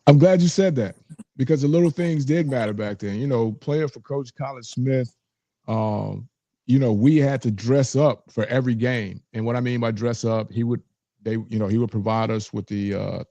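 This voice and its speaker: A man's voice: medium pitch, moderate pace, warm tone, dry recording. A man hosting a casual, conversational interview. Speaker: interview show host.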